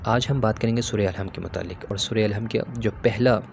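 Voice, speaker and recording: A man teaching Quran recitation in a patient, step-by-step way, stopping to model Arabic sounds slowly and with stress. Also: lowish voice, vocal fry, a little mellow, a little hiss or hum. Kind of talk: instructional talk on pronunciation.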